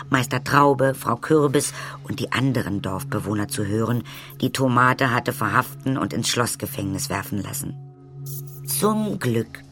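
A man narrating a children's audiobook in a lively way, speaking directly to the listeners. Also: fairly low pitch. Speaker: storyteller.

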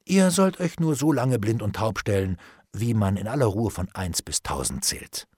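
Reading an audiobook, a man voices a calm, ironic nobleman whose cool menace comes through dry wit and icy seriousness. His delivery is low, measured, unhurried, and a touch husky. The recording is dry and close-miked.

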